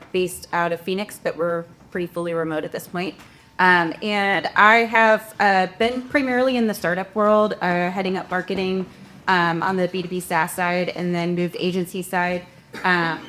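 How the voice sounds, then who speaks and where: A woman with a somewhat low voice speaks as an agency vice president on a conference panel. Her talk is full of business jargon, threaded with uhs and you-knows. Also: a little hiss or hum.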